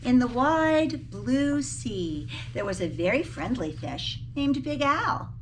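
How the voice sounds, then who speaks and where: A woman teacher with a high, sing-song voice reads a children's picture book aloud slowly and expressively, putting dramatic emphasis on key words and adding little asides to her listeners. The mic is distant, with slight background noise.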